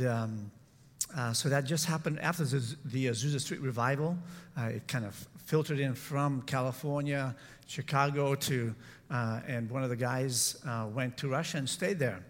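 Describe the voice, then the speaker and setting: A middle-aged man from San Francisco, United States, preaches as a guest at a church service, giving an informal talk with personal testimony. His medium-pitched delivery is halting and conversational, often self-correcting, and the large hall echoes with long reverb.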